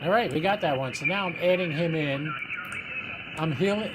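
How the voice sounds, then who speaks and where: At normal speed and fairly high pitch, a man casually comments on what he's doing with a ham radio, thinking out loud through each step. Background radio hiss and chatter are present, and the recording has loud static.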